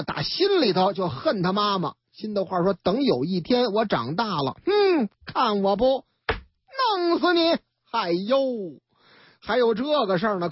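A man's voice: very high-pitched, husky, no room sound. A man with a Beijing accent telling a crime story on the radio in a chatty way, acting out the characters. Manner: chatty, acts out every character. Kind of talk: colloquial crime story narration. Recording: dull lo-fi radio broadcast, dry.

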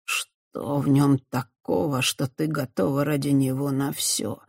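An audiobook reader voicing a remorseful, torn male priest who speaks low, muted and sorrowful. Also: level tone, a little slow, vocal fry, a little mellow, husky, no room sound, clean studio sound. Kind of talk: audiobook character voice.

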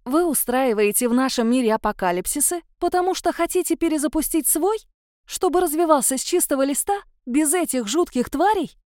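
Flustered young woman, high and rattled, read by a woman. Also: expressive, fairly quick, darkish tone, no echo, clean studio sound. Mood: shocked.

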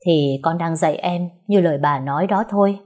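Woman doing a cold quiet young woman, low husky, taunting slowly. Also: lightly acted. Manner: quiet, icy, measured.

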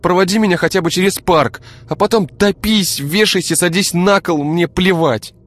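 A man voicing a sharp-tongued, frightened young woman in an audiobook, shrill and cutting. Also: moderate pace. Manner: shrill, pleading then scornful. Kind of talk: audiobook character voice.

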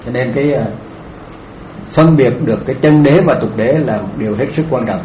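A male Buddhist monk giving a dharma talk, answering a question gently, repeating his phrases and laughing now and then. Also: mid-range voice, brisk. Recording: echoey room, faint noise.

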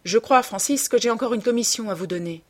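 A woman reading an audiobook voices a charming, cold young gentleman who gives orders quickly and lightly. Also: a little high, pitched above the performer's own voice, lightly acted. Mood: commanding. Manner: brisk, commanding, lightly airy.

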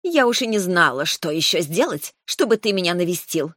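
A woman's voice: on the low side, sing-song, moderate pace, a bit bright, no room sound, clean studio sound. A woman voicing a vain, seductive and spiteful dragoness who speaks coyly and haughtily.

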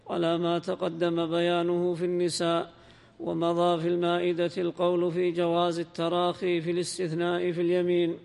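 Man, measured reading, very flat delivery, reverberant hall. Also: sits high, vocal fry. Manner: measured, even recitation. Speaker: reader of the text in a lesson. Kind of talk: reading a classical commentary aloud.

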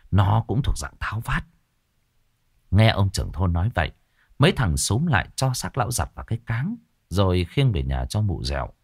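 A man narrating a ghost story in a folksy, animated storytelling manner. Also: low voice, breathy edge, dry recording, clean studio sound.

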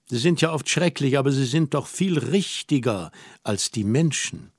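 A man reading the part of a lively, playful young woman who muses and coaxes gently, as in an audiobook. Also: mid-range voice, moderate pace, husky, no room sound, clean studio sound. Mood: musing, coaxing.

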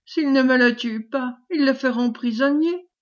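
Woman reading a crafty old woman putting on frantic pleading, high voice, lo-fi. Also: measured pace. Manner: pleading, theatrical. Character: scheming old woman feigning terror.

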